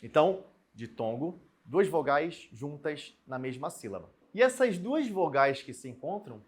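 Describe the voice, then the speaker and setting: A man teaching a recorded Portuguese lesson, explaining step by step and spelling out example words slowly. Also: on the high side, very animated, breathy edge. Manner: explains step by step, asks students questions and answers them.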